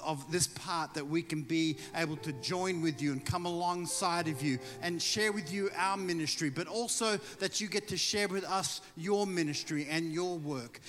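A middle-aged man addresses a congregation as a visiting preacher. His voice is bright and a little high, carrying through a reverberant hall. He is informal and folksy, mixing praise exclamations with joking asides. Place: large indoor church, speaking from pulpit. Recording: reverberant hall, music behind.

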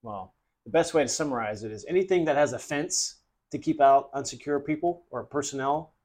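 A man's voice: medium pitch, fairly quick, a little mellow. A man hosting a podcast, explaining steadily in casual chat with the odd filler. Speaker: podcast host.

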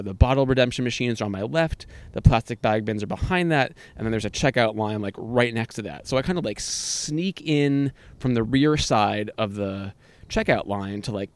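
A man hosting a casual podcast, telling stories animatedly on an outdoor deck. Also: no room sound. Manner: animated storyteller, jumps to high pitch for quoted reactions. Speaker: podcast host. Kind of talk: casual chat.

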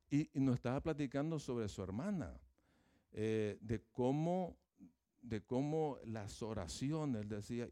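A man's voice: medium pitch, warm tone, no echo, clean studio sound. A man preaching a sermon in a conversational way, with informal asides and fillers.

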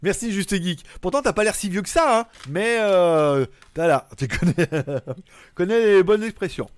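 A man's voice: sits high, animated, a little slow, clean tone, dry recording. A man hosting a live stream, casually chatting and reading out viewer comments, joking and chuckling often in rambling asides.

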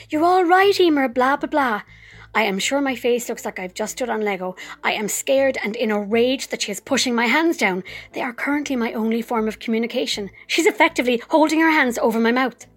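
Wry woman telling her story. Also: fairly high pitch. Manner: wry, vivid storytelling with sudden outbursts. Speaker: actress. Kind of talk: memoir narration.

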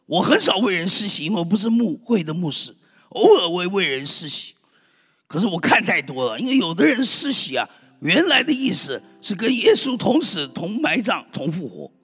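A male preacher with a high, sharp, slightly husky voice that leaps up and down as he exclaims to his congregation. His fervent, emphatic sermon rings through a reverberant church hall, with soft music underneath. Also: big pitch swings, moderate pace.

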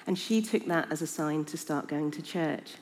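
A woman's voice: sits low, moderate pace, a little mellow. A woman giving an earnest, conversational sermon in a church. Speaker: preacher. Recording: long reverb of a church hall.

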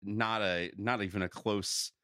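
A man's voice: on the low side, steady tone, a little slow, sharp tone, dry recording, clean studio sound. A man hosting a recap podcast in casual, riffing chat, speaking with an incredulous, sometimes profane edge. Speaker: podcast host.

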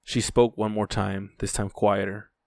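A man's voice: fairly low pitch, level tone, a little slow, gravelly, a little mellow, dry recording. A man narrating a first-person story in a dry, weary telling.

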